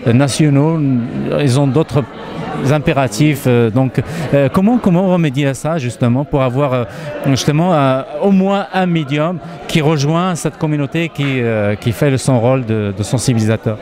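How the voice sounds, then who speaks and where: A man interviewing a guest, speaking haltingly as he searches for words. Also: medium pitch, crowd noise. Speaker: interviewer, magazine host. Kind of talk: casual interview conversation. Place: outdoors in a city.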